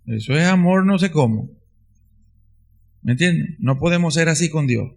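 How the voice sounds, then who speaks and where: A man's voice: fairly high pitch, animated, moderate pace, vocal fry. A man preaching a sermon, earnest and emphatic, repeating key phrases for stress.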